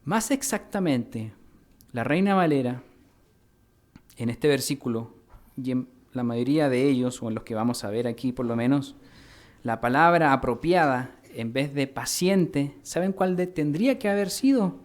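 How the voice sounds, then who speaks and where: A man from Mexico, a pastor preaching a teaching sermon, spelling out words slowly and putting questions to his congregation. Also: medium pitch, lively intonation. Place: church hall.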